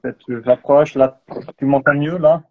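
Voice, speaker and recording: A man's voice: medium pitch, steady tone, moderate pace. A man in his forties, a jiu-jitsu instructor joining by online call, his audio choppy and breaking up as he checks whether he can be heard. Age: 40s. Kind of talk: casual live-stream chat. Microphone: remote online call. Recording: dull lo-fi call line.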